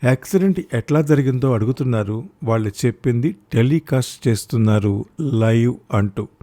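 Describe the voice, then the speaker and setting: A man narrating a story audiobook in a steady, formal reading manner. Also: mid-range voice, fairly quick.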